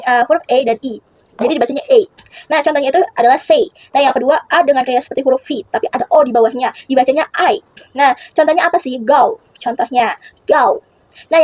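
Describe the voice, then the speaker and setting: A teenage Indonesian girl explaining English pronunciation to classmates for a school assignment, halting with fillers and self-corrections. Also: high-pitched, dry recording. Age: late teens. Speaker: student presenting a school assignment.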